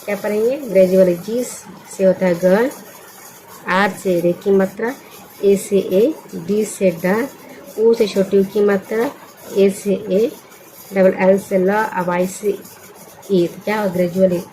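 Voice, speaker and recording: A woman gives a patient English spelling lesson in a mellow, warm voice. She breaks each word into letters, asks her listeners what they make, then repeats the answer. A faint hum of ambient noise sits behind her. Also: medium pitch, steady tone, takes it slowly, low-quality recording. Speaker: English teacher.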